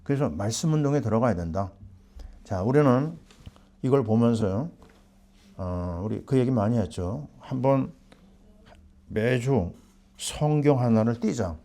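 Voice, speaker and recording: A man's voice: mid-range voice, animated, a little slow, long pauses, warm tone. A middle-aged man preaching a sermon as pastor, asking the congregation questions and answering them himself.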